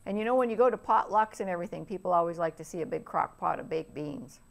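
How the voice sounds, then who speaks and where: A woman's voice: on the low side, fast, creaky. A woman hosting a casual cooking segment, encouraging her guest and repeating back what he says. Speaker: host.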